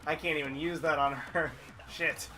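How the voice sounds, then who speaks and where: A man's voice: a little high, fairly even intonation, normal speed. A man hosting a let's play with casual gameplay commentary. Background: game music.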